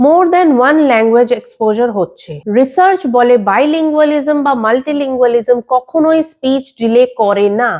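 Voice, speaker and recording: A woman speech and language pathologist with a Bengali accent, explaining children's speech development to parents in a clear, instructive way. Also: on the high side, a little mellow. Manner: clear, instructive, mixes English terms into Bengali. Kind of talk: explaining to parents on a video channel.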